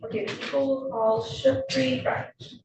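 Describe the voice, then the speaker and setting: A woman's voice: high voice, animated. Female prosecutor in a courtroom recording. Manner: formal, measured questioning. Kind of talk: courtroom witness questioning. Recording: echoey courtroom, distant mic, dull and noisy.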